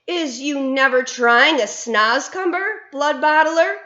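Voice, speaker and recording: A woman's voice: high-pitched, slow pace, sharp tone, pitched above the performer's own voice, exaggerated voice. A woman reading aloud and voicing a kind, nervous male giant who talks with jumbled grammar and earnest pleading. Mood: coaxing. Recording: roomy, dull lo-fi sound.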